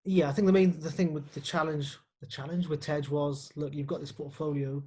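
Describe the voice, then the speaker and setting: Husky, somewhat high-voiced broker guy, explains lending matter-of-factly in a live Q&A. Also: flat delivery, warm tone. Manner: explanatory, matter-of-fact, quick. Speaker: mortgage broker guest. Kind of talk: casual live Q&A chat.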